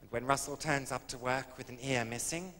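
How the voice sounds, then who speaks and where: A man's voice: medium pitch, a little fast, a little hiss or hum. Dry man telling stage stories. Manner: dry, camp, deadpan delivery. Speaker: cabaret comedian. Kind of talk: stand-up storytelling. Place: live stage venue. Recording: live hall recording from a video.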